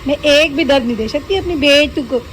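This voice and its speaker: A woman's voice: high-pitched, brisk, fairly bright tone, slight background noise, low-quality recording. A woman talking baby talk to her pets, coaxing and soothing them with cooing, repeated words. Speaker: pet owner.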